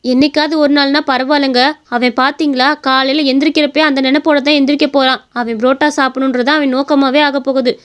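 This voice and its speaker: A woman plays a strict but caring village mother in a cartoon story. She scolds firmly and talks fast in a high voice. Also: level tone, lightly acted. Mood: stern. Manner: scolding, firm.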